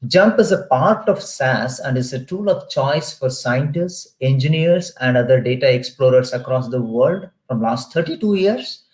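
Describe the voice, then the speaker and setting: A man's voice: medium pitch, moderate pace, hardly any pauses. Indian man lecturing in a roomy echo. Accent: Indian English. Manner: steady explanatory, frequent "uh" fillers. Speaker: guest lecturer. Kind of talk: online webinar lecture. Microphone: video call.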